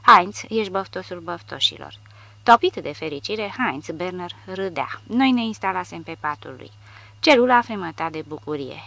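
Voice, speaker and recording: Lady reading a war book audiobook, steady and kinda low. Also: vocal fry. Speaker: audiobook narrator. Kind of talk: scripted narration.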